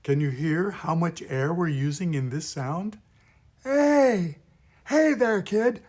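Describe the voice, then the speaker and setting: A man's voice: on the high side, expressive, a little mellow, pitched above the performer's own voice. A man doing an airy, wheezy old man. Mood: gruff. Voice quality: airy, tight-throated. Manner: wheezy, halting, gruff grumbling. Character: cranky old man reminiscing to a kid. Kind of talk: puppet voice demonstration.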